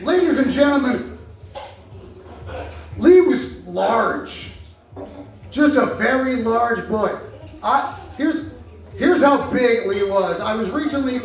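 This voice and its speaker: High-voiced man roasting friends, echoey hall. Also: expressive, takes it slowly, long pauses. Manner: wry, teasing, playful sound effects. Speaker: comedian roasting colleagues. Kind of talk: stand-up roast toast. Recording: echoey hall, distant mic, crowd laughter.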